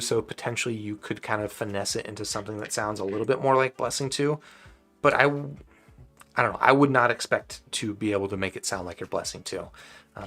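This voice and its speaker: A man with a mid-range, slightly bright voice hosts a live stream, answering viewers' questions about audio gear. He rambles casually and restarts often, and his voice grows dry and tired.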